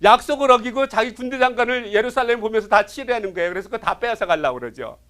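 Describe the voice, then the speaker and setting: High-voiced man telling Bible history. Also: fairly bright tone. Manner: storytelling, asks the listeners questions; acts out kings' lines in quick paraphrase. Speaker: Bible teacher. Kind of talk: Bible lecture.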